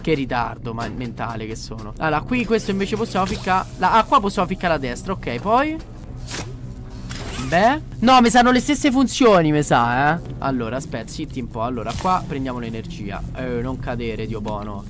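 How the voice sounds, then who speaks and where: A man's voice: medium pitch, sing-song, normal speed, music in the background. Jumpy Roman man streaming a game. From Rome. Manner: jumpy, swears a lot, talks to viewers. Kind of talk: live gameplay commentary.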